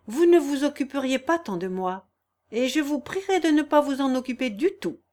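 A woman's voice: sits high, lively intonation, normal speed, darkish tone. A woman reading a curt, annoyed young man.

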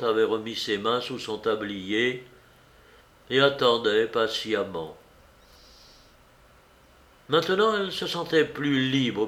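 A man reading a novel aloud in a measured, somber storytelling manner. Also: medium pitch, a bit bright. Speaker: narrator. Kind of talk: audiobook reading.

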